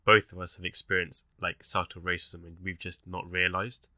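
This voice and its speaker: A young man with a very low, bright, forceful voice co-hosts a podcast, talking in loose, rambling bursts. The sound is dry and close, with no room around it. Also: moderate pace, no room sound. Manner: rambling, animated, swears casually. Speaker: podcast co-host. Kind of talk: casual chat.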